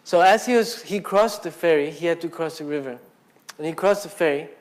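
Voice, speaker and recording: A man's voice: a little high, brisk. A man giving a casual, conversational Buddhist talk at a meditation centre, telling a story and acting out the quotes with lots of "you know" and "like". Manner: casual and conversational, filler-heavy, acts out quotes.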